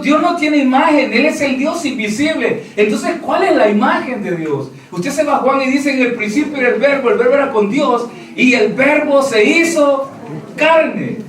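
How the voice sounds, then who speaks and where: A man's voice: very high-pitched, fairly bright tone, recorded from a distance, slight background noise. A man preaching as a pastor, who keeps calling his listeners "brother" and asking them questions. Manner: preaching, addresses listeners as "hermano", asks questions. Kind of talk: sermon. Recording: roomy echo, voice from off mic.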